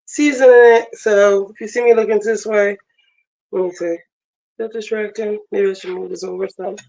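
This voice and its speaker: A woman with a hoarse voice chatting casually on a livestream while she cooks in her kitchen. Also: medium pitch, fairly even intonation, normal speed, a little mellow, low-quality recording. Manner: chatty, multitasking while cooking. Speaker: livestream host. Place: home kitchen, running water. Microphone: phone camera.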